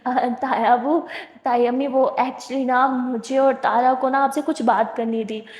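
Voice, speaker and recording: A woman's voice: sits high, flat delivery, unhurried, a little mellow. A woman voicing a playful young woman who protests and gets flustered, in a storybook reading. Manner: indignant, then flustered and stammering. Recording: roomy echo with long reverb.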